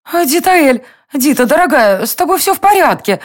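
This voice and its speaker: Woman doing a high, indignant elf queen, loud and lively, storybook style. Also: moderate pace. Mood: alarmed. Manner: indignant exclamations. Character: indignant elf queen, quick-tempered wife.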